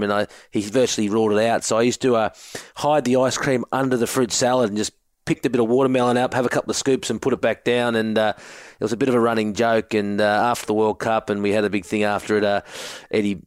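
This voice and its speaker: A man's voice: lowish voice, smooth, no room sound. An Australian man in his forties, a co-host telling jokey stories in casual chat and calling people mate. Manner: jokey yarn-spinner, says mate often. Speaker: co-host, former rugby forward.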